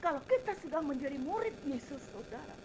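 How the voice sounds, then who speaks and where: Speaking fast and with great animation, this middle-aged female evangelist preaches passionately to her congregation, alternating forceful emphasis with hushed side remarks. Her pitch is high, and there's noise in the background.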